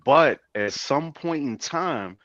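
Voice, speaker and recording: A man's voice: on the high side, expressive, slow pace, a bit bright, dry recording. A man speaking over a breaking-up online group voice chat, cutting in bluntly during a casual sports debate. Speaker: panelist in a football show. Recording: dull lo-fi online call audio.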